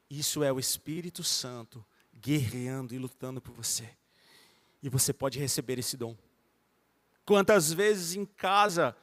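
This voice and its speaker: A man with a Brazilian accent delivers a fervent evangelical sermon, his fairly high voice moving between hushed and loud stretches. The sound carries a long reverb from the church hall around him. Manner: fervent preaching, swinging from soft to loud. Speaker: pastor.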